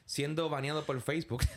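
A man's voice: a little high, steady tone, unhurried. A man from Puerto Rico with a Puerto Rican accent, hosting a casual podcast interview. He rambles, repeats words and drops English fillers into his talk. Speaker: podcast host.

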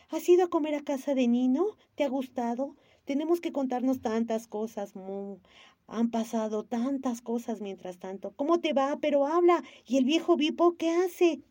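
A woman voicing an excitable grown man who talks in a breathless torrent, reading a storybook aloud. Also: sits high, voice pushed up, close to an everyday voice.

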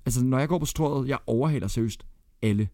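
A man's voice: mid-range voice, mellow, no room sound, studio quality. A Danish man co-hosting a podcast in casual chat, blunt and swearing freely as he counts down a ranked list. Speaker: podcast co-host.

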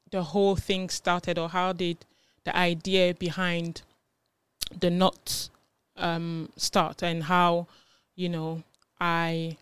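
A woman in her thirties from Ghana, hosting and opening her own podcast in a bubbly, excited way. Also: lowish voice, clear, resonant tone, no echo. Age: 30s. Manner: bubbly and excited, with laughs and fillers. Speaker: podcast host. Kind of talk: casual solo podcast intro.

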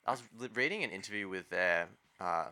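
A man's voice: low-pitched, animated, a little fast, sharp tone. A man with an Australian accent chatting casually about sport as a podcast co-host, in laid-back, colloquial phrasing.

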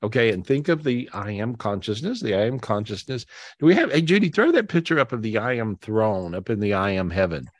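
Over a video call, a spiritual teacher and podcast host runs a live talk in a lowish, sing-song voice, captured dry with a clean studio sound. He sounds casual and excited, circles back on himself, frequently restarts with "and so," and draws out words for emphasis.

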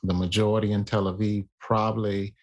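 A man in casual conversation about faith, talking in a halting way with many fillers and restarts. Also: on the low side, little pitch movement, a little mellow.

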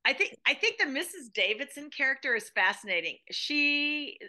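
A woman from the United States appears as a podcast guest, talking about drama in an expressive, conversational way with plenty of emphasis. Her voice sits high and her pace is normal.

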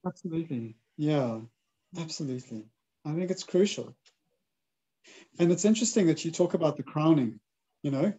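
A man hosts a gentle spiritual conversation, talking earnestly and agreeing often. His voice sits fairly high, with a warm, mellow tone. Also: expressive, moderate pace, pauses often, slightly rough, poor audio. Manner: soft affirming backchannels, earnest. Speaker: podcast host.

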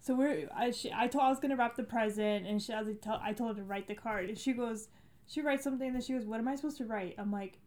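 A young woman chatting with friends and speaking to viewers. Her voice sits a little above average in pitch. She tells stories quickly and playfully. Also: a little mellow. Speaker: co-host. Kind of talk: casual storytelling chat.

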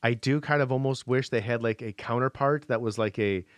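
A man's voice: mid-range voice, a little fast, no echo, clean studio sound. A man from the US Pacific Northwest co-hosting a podcast in easygoing, rambling casual chat. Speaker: podcast co-host.

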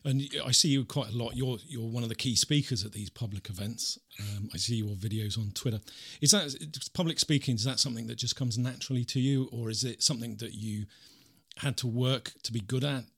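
A man's voice: mid-range voice, fairly quick, creaky, slightly rough. A male podcast host asking questions and offering short, encouraging responses. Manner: encouraging, brief backchannels. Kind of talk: interview questions.

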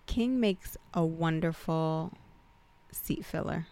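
A woman co-hosting a casual podcast, her voice sitting on the low side with a gravelly, fry-edged texture. She talks frankly and profanely, with a joking tone. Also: slow, mellow. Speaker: podcast co-host.

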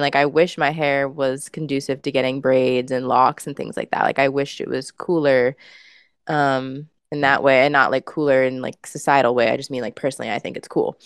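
A woman co-hosting a casual podcast, speaking in an earnest, reflective and measured way. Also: very deep voice, clean tone, dry recording, studio quality. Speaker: podcast co-host.

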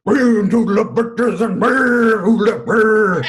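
A man co-hosting a casual podcast, lively and wry, moving the segment along. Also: sits high, measured pace. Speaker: podcast co-host. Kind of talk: casual chat.

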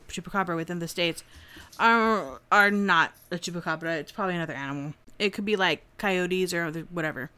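A woman's voice: lowish voice, pushed and bright. A woman co-hosting a casual podcast, chatting and laughing as she reads her notes aloud. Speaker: podcast co-host. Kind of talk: casual chat.

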